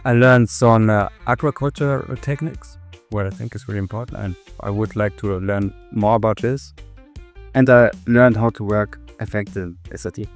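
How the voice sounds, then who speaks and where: A man's voice: on the low side, normal speed, soft background music. A man from Germany giving a casual, slightly hesitant testimonial as a program participant.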